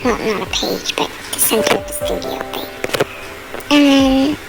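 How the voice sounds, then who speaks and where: A woman disguised by a voice changer talks high and rough with a gravelly fry. She drifts slowly through a casual step-by-step tutorial, leaning on "like" and "and then". Music plays clearly underneath. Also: poor audio. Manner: rambling, lots of "like" and "and then". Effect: voice changer disguising the real voice. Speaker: tutorial maker.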